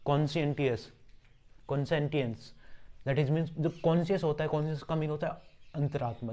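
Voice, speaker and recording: Man, vocabulary lesson, spells words out letter by letter, slightly high voice, mellow tone. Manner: spells words letter by letter, explains roots and meanings; repeats words and asks himself rhetorical questions. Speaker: English vocabulary teacher. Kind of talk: exam-prep vocabulary lesson.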